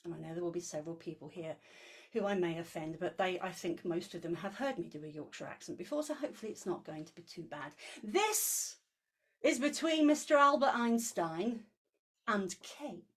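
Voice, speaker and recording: A woman hosting an online book launch over a video call, introducing and reading poems with an expressive delivery. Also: fairly low pitch, fast.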